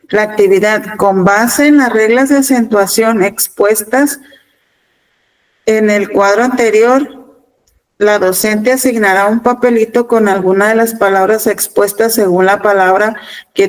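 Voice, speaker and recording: A Mexican woman teacher giving a virtual class, talking deliberately and often repeating words and pausing with fillers. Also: mid-range voice, low-quality recording. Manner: deliberate, repeats words, fills pauses with "este". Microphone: video call.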